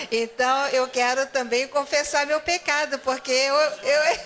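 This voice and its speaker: A woman confesses to a church class, speaking slowly with chuckles. Her voice is high and bright, and it echoes through a reverberant church hall. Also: steady tone, background noise. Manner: slow, chuckling asides.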